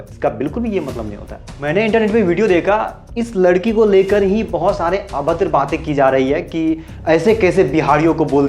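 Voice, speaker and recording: A man from Bihar gives earnest commentary, asking rhetorical questions and mixing in English terms. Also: on the high side. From Bihar, India. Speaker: YouTube commentator. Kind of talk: explanatory social commentary.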